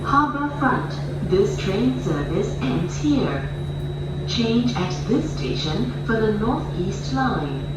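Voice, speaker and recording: A woman making slow, measured announcements over a train intercom, heard from a loudspeaker inside a moving metro train. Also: medium pitch, big pitch swings. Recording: echoey far-off loudspeaker with train noise.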